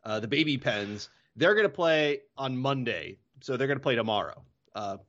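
A man's voice: mid-range voice, lively intonation, normal speed, a bit bright, lo-fi sound. A man hosting a hockey podcast in casual chat, often correcting himself mid-sentence. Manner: rambling, self-correcting.

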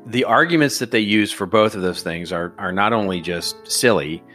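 A man's voice: fairly low pitch, normal speed, a bit bright, faint music behind. A man with a Texan accent, a regular guest on a podcast, talking in a rambling, casual way with many fillers and restarts. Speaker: regular guest, strategy advisor.

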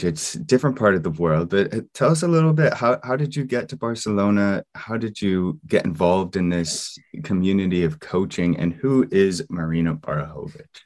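A man hosting a podcast interview in a casual, conversational and slightly halting way. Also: low voice, a little mellow. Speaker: podcast host.

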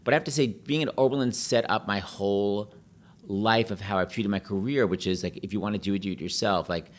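A middle-aged man telling stories in a casual, animated chat, full of "like" and quick asides. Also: lowish voice. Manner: chatty, animated, peppered with "like".

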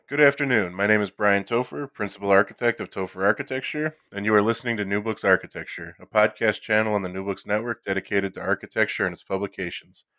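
A male podcast host with a fairly low voice and a bright, forceful edge. He speaks in a measured, formal way as he introduces his guests and thanks them. The sound is dry and close. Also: no room sound. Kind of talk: scripted podcast introduction and interviewing.

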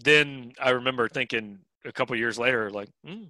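A man's voice: mid-range voice, brisk, pushed and bright, no room sound, low-quality recording. A man co-hosting a sports podcast in casual chat, with dry, wry humor and frequent restarts.

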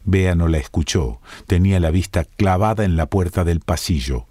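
A man with a Rioplatense Spanish accent narrating an audiobook in a calm, measured way. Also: low-pitched, dry recording.

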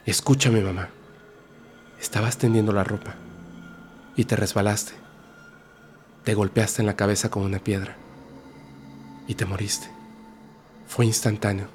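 A man's voice: fairly low pitch, little pitch movement, a little slow, long pauses, a little mellow, soft background music, natural voice. A man voicing a firm, pleading young girl. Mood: firm, imploring. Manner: firm, imploring.

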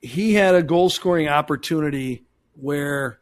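A man's voice: fairly high pitch, a little slow. A man co-hosting a soccer show, chatting casually and restating phrases for emphasis as he analyses plays. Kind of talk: casual sports chat.

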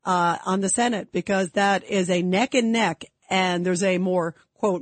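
A woman's voice: mid-range voice, dry recording. A woman hosting talk radio, speaking as an election night analyst with emphatic, repeated points. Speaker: radio host. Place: radio studio.

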